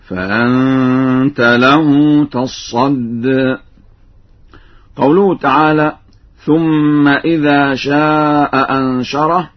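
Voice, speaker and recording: A middle-aged man giving a formal recitation lesson, explaining in a measured voice and chanting each example slowly and melodically. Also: mid-range voice. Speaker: Quran recitation scholar. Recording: dull archival radio broadcast.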